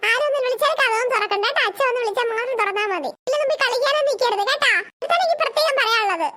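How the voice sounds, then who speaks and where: A woman doing squeaky cartoon sisters, noisy track. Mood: chatty. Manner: fast shouty bickering, coos over babies. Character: chatty young sisters and their mother. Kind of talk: animated cartoon voice acting. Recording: noisy home recording.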